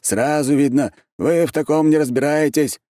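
A man's voice: mid-range voice, expressive, normal speed, mellow, dry recording, studio quality, pitched above the performer's own voice, lightly acted. A man voicing an irritable, arrogant old male archmage who talks down to others, in an audiobook. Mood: haughty, irritable. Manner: haughty, dismissive, panicky when caught out.

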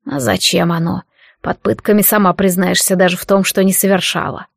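Woman reading as a gruff male prisoner, low, slow, blunt, dry sound. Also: fairly even intonation, a bit bright, no room sound, exaggerated voice. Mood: grim. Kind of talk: audiobook character voice.

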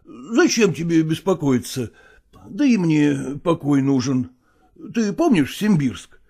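A man's voice: a little high, a little mellow, voice pushed up, full character voice. Man playing a groaning malingering actor. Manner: groaning, drawn-out and slow, wheedling. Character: middle-aged male actor feigning illness, evasive. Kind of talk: audiobook character reading.

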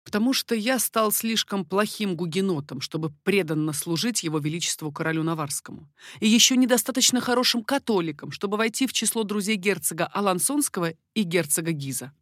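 A woman's voice: mid-range voice, animated, brisk, dry recording, studio quality, close to an everyday voice. A woman reading an audiobook, voicing an ardent, devoted young nobleman who pleads fervently. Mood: pleading.

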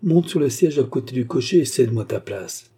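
A man playing a cold, scheming English baronet who speaks with mocking, false affection in a husky voice. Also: mid-range voice, lively intonation, a little fast, warm tone.

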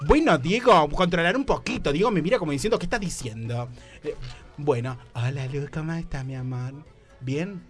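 A man's voice: on the high side, expressive, normal speed, soft background music. A man with an Argentine accent hosting a comic radio talk show in a flamboyant, camp, theatrical manner. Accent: Argentine Spanish. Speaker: radio host.

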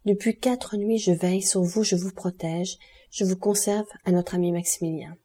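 A grave, mysterious count, read by a woman speaks low and insistently in an audiobook. The tone is very dark and mellow, a little husky, and softly restrained. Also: steady tone, normal speed. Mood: grave hushed. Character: mysterious male count, calm, grave protector. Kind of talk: audiobook character reading.

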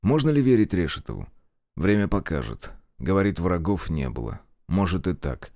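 A man narrating a war story in an expressive, measured reading. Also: low-pitched, dry recording, clean studio sound. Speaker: audiobook narrator. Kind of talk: scripted narration.

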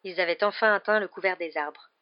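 A woman narrating an audiobook with a steady, measured reading. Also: fairly low pitch, highs cut off.

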